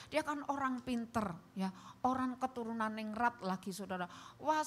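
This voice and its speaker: A woman preacher tinged delivers an emotional, story-driven sermon to her congregation. Her voice sits a bit high for a woman. Instrumental music plays clearly beneath her in a livestreamed church service. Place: church hall.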